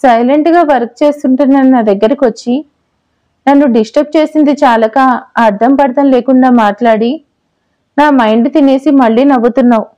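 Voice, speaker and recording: A woman's voice: high voice, steady tone, fairly quick, dark tone, muffled recording, natural voice. A woman voicing a young husband who teases and bickers with his wife, in an audio story. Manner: playful then exasperated bickering. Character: young husband, teasing, patient office worker.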